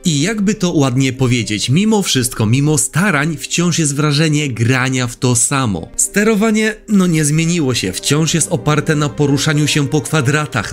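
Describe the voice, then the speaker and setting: A young man narrating a scripted retro game review in a wry, conversational way. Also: on the high side.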